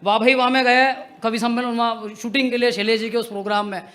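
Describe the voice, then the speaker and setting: High bright-voiced man joking on stage. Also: flat delivery, fast. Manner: joking, playful, teasing audience. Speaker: comedic poet. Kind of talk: stand-up poetry performance. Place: outdoor stage tent at a poetry gathering. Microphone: stage microphone.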